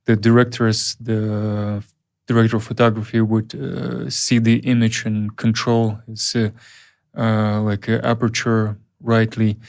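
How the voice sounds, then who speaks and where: A man's voice: fairly low pitch, monotone, vocal fry, a little mellow. A man, a film director telling stories in a casual interview, full of fillers and restarts. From Uyghur region, Central Asia. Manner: halting, many fillers and restarts.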